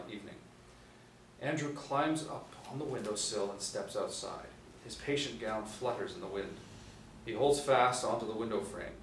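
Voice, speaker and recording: A middle-aged man with a lowish, slightly bright voice reads screenplay action as the scripted narrator, seated at a table read in a small indoor room. The recording is roomy, with a distant mic and noisy ambience.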